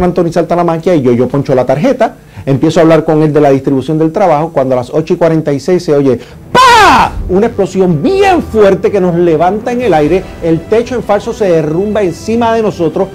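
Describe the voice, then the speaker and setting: Man with a high but mellow voice telling his survivor story, acts out the shouts, faint music underneath. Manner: vivid, re-enacts shouts and sounds. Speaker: 9/11 survivor giving testimony. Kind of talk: emotional first-person account.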